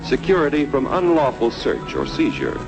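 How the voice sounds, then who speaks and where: A man delivering vintage scripted cartoon narration with declamatory, measured phrasing. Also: mid-range voice, huge pitch swings, highs cut off. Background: music.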